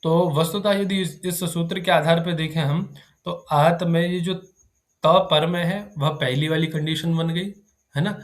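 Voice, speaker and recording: A man's voice: on the high side, fairly even intonation, a little slow. A man teaching Sanskrit grammar to a live class, who quizzes his students and keeps checking whether they have understood.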